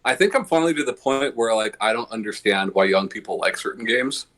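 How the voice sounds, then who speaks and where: A man's voice: fairly low pitch, lively intonation, brisk, fairly bright tone. A man in his late thirties, a podcast host, chatting casually in a laid-back, rambling way. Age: late 30s. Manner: laid-back, rambling with frequent "you know". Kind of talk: casual chat.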